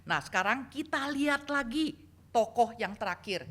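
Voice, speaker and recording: Lively, bright-voiced woman preacher. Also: on the high side, normal speed. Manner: lively storytelling, acts out quoted voices. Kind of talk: sermon.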